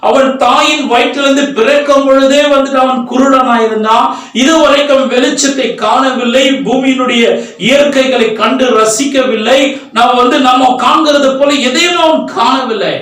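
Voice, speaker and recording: High-voiced man preaching fervently in an echoey hall. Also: steady tone, normal speed, a bit bright, recorded from a distance. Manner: fervent, rising and falling emphasis. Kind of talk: sermon.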